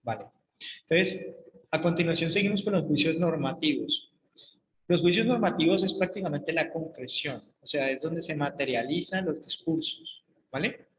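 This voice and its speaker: Male lecturer, slightly high voice, everyday examples, roomy echoey recording. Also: moderate pace, fairly bright tone. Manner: explains with everyday examples, asks "¿vale?". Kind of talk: classroom lecture. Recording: echoey hall, faint noise.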